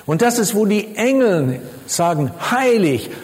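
A man preaching a sermon and teaching on a Bible passage, speaking slowly and deliberately and repeating key words for emphasis. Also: high-pitched, animated, darkish tone. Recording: long reverb of a large hall.

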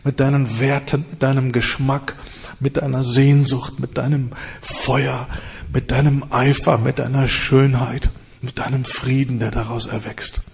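A man preaching and leading prayer with fervor, in repeated rising phrases and hushed stretches. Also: mid-range voice, flat delivery, a little slow, vocal fry, breathy edge. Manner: fervent, repetitive prayer cadence with hushed stretches. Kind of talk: sermon and prayer.

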